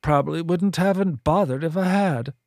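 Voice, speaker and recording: A narrator voicing a pompous, bitter middle-aged woman high priestess who talks in a haughty, drawn-out sneer. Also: a little mellow, no echo, clean studio sound, close to an everyday voice. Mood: scornful.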